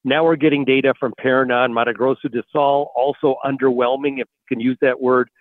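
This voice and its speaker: A man analysing farm markets as a guest on a call-in radio interview, heard over a buzzy, glitchy phone connection that breaks up, talking in halting bursts with repeated words. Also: medium pitch, fairly even intonation, no echo. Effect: buzzy, glitchy phone call audio that breaks up. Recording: dry, tinny phone line.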